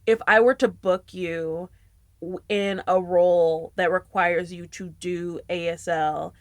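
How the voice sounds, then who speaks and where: Animated young woman host, dry sound. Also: fairly low pitch, slow pace, dry recording. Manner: animated storyteller, acts out quotes. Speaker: podcast host. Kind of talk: casual chat.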